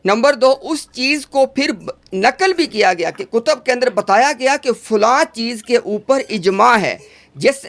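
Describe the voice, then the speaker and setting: A man with a high voice debates a religious point over a video call. He is insistent and keeps interrupting, repeating his words to hold the floor. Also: vocal fry, fairly bright tone.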